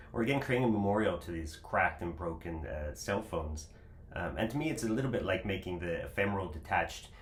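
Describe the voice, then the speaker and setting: A male interviewer asks long, measured questions, pausing often on "uh" and "um." His voice is very deep. The recording is roomy, with a faint hiss of background noise. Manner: measured, hesitant with "uh" and "um".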